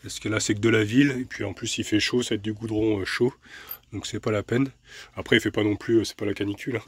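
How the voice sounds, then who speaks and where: A man from France filming a casual travel vlog outdoors on a handheld camera, chatty and relaxed, with soft laughs and hesitant fillers. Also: lowish voice, fast, slightly rough, no room sound. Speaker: travel vlogger. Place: outdoors, walking around a van and an old town.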